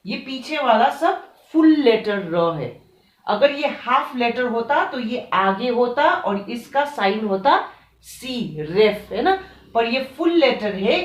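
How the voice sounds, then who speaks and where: Woman, teacher, patient children's Hindi lesson, lively pitch, echoey room. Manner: slow, patient, checking in with "ठीक है?".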